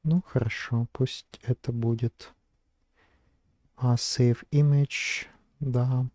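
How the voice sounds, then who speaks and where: Hesitant male vlogger, very dark flat voice, dry close sound, thinks aloud. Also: medium pitch, extremely slow, no room sound. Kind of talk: casual screen-recording narration.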